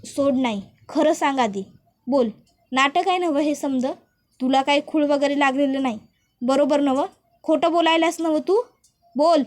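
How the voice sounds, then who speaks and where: A woman voicing a brash, bullying young village man who talks in a rough rural dialect and taunts. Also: sits high, measured pace.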